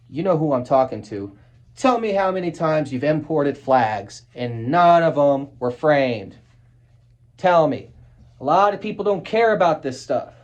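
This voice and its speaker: In this casual vlog, a middle-aged man from the United States holds up a wartime flag and talks about it, swearing bluntly and tossing in wry comments. His voice is fairly high and a little mellow.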